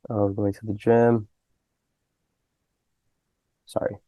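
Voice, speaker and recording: A man's voice: lowish voice, little pitch movement, slow, no echo, highs cut off. A man in his twenties giving a casual, loose coding lesson, checking in often with "okay?" and "right?". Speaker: programming tutor.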